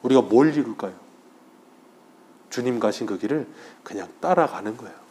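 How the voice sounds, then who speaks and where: A male pastor giving a Sunday morning sermon in church, telling a story with feeling and swinging between loud passages and hushed ones. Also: mid-range voice, expressive, moderate pace, slight background noise. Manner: acts out quoted voices softly. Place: church sanctuary during worship.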